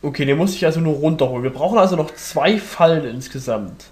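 A man's voice: fairly high pitch, lively intonation, fast, a little mellow. A man hosting a let's play with casual commentary, thinking aloud in fragments.

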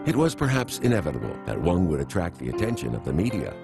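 A man reading scripted documentary narration in a measured, even way. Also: sits low, vocal fry. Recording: faint music behind.

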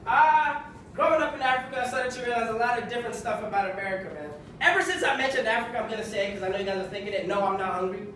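A man's voice: high-pitched, rapid-fire, a little hiss or hum. Young male stand-up from Kenya, wry and conversational; distant, roomy club recording with laughter. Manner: wry, conversational delivery with deadpan punchlines. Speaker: stand-up comedian. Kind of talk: stand-up routine. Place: small comedy club stage. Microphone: handheld mic, filmed from far in the audience. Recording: echoey club from far off with audience laughter.

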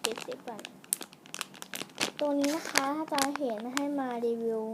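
A woman with a fairly high voice talks casually to her viewers while unboxing toys at home, wandering off into musings mid-sentence. It is a home camera recording with clear noise underneath. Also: normal speed. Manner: chatty, addresses viewers, trails off and muses aloud. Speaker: vlogger reviewing toys and snacks. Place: room at home.

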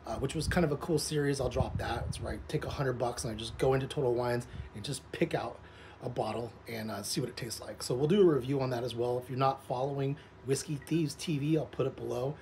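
A man's voice: medium pitch, fast talker, darkish tone. A man in his forties talking casually and in a rambling, informal way, as a vlogger speaking to camera outdoors. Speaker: vlogger, social media content creator. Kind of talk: casual vlog chat to camera. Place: outdoors, in a pool. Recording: clearly noisy outdoor ambience.

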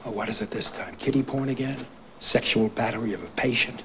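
An actor playing a paranoid older conspiracy writer who talks in a hushed, urgent whisper, heard from a worn VHS tape copy. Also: male voice, mid-range voice, fairly quick, a crowd in the background. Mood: conspiratorial. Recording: hissy worn videotape copy.

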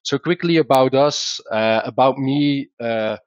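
This company founder speaks with a Belgian accent while hosting a webinar, explaining things casually and often stalling on "uh" before restarting his sentences. His voice is medium-pitched, the recording is dry, and the audio sounds dull.

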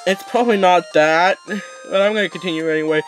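A man's voice: sits high, a little fast. Young man rambling over game music. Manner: rambling, swears a lot, restarts often. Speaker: gaming YouTuber. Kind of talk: casual let's play commentary.

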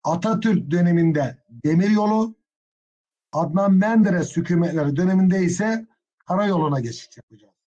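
Husky-voiced man teaching history. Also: high-pitched, normal speed, dark tone, lo-fi sound. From Turkey. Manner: addresses students as friends, gets openly indignant. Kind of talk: exam prep history lecture.

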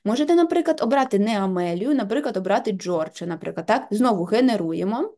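A woman giving a patient, step-by-step software tutorial, leaning on filler words as she goes. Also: mid-range voice, lively intonation, fast.

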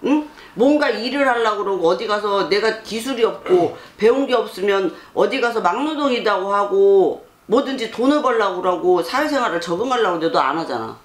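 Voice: mid-range voice, expressive, a little fast, hardly any pauses. A fortune teller bluntly scolding a young man during a consultation, constantly prodding him for answers. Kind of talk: scolding counsel session. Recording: roomy with faint background noise.

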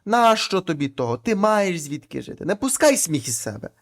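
A man's voice: high voice, sing-song, normal speed. A man voicing a sensible peasant wife. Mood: reasoning. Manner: plain folk-tale speech.

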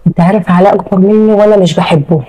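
A man's voice: high voice, racing, warm tone, slightly rough, rough recording. A man voicing a scheming young wife who speaks with an Egyptian accent, coaxing and unbothered while she plots.

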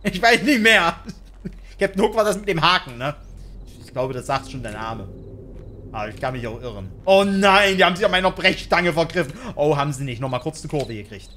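A man's voice: a little high, animated, a little fast, pushed and bright, a little hiss or hum. A man giving casual, sarcastic and crude commentary while playing a video game, joking and talking back at the game. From Germany. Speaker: gaming YouTuber. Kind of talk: casual let's-play commentary.

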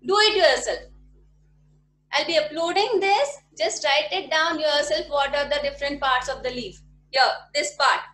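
High, bright-voiced teacher. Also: female voice, normal speed, slight background noise. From India. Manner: patient, repeats questions and checks understanding often. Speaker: primary school teacher. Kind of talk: online class teaching. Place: small home room with bookshelves. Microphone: laptop webcam mic at desk. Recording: echoey room audio from a video call.

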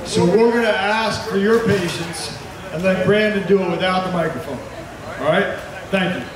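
A man's voice: high-pitched, moderate pace. An American man organizing an event, making informal announcements in a conversational, explanatory way. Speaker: event organizer introducing the program. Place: indoor event suite with windows. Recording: very echoey, distant, crowd behind.

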